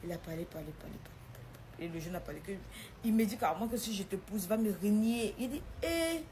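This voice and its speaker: A young woman tells a personal story, acting out the quoted lines in a lively way. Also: mid-range voice, fairly quick, a little hiss or hum.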